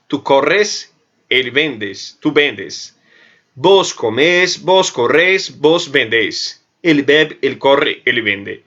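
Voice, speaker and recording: A man's voice: medium pitch, pushed and bright. A male Spanish teacher with a Brazilian Portuguese accent, explaining verb grammar step by step in a recorded online lesson and often checking in with the class. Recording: dull lo-fi audio.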